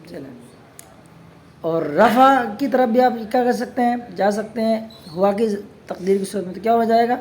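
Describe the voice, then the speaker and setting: A man teaching a religious studies lesson on scripture grammar. He constantly puts questions to his students and answers them himself, reads Arabic passages slowly, and adds casual teasing asides. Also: high voice, darkish tone, a little hiss or hum.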